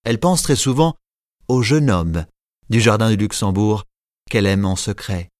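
Low-voiced male storyteller, measured and clear. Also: no room sound, studio quality. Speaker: narrator. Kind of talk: scripted narration of a simplified classic novel.

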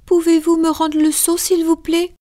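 A woman's voice: extremely high pitch, completely flat delivery, moderate pace, dark tone. A woman voicing a timid eight-year-old servant girl in an audiobook, with a small, meek voice. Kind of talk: audiobook drama acting.

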